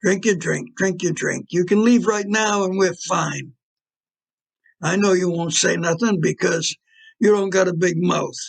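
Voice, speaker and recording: In an audio play, a man acts as an irritable, menacing mob fixer boyfriend who talks bluntly and with slang, sounding cold and sarcastic. His gravelly, husky voice sits high and moves a little slowly, a full character performance.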